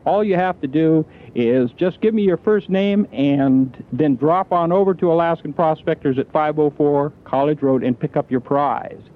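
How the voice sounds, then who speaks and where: A man's voice: on the high side, normal speed, few pauses. A man hosting a call-in radio show, talking listeners through a prize giveaway in easy on-air patter, with frequent filler sounds. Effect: radio broadcast sound. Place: radio station studio. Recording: tinny, lo-fi radio broadcast.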